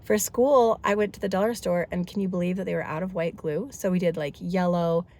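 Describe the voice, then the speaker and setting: Woman, 30s, congested, quick rambling casual chat, slightly low pitch. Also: fairly even intonation, a little mellow. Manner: talkative, rambling with many asides. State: congested head cold. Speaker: family vlogger. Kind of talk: casual chatty update.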